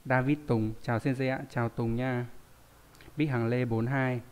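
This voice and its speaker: A man's voice: mid-range voice, level tone, normal speed, clear, resonant tone. A man teaching a live online lesson, reading out viewer names and explaining word readings with frequent rhetorical questions. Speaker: Japanese teacher.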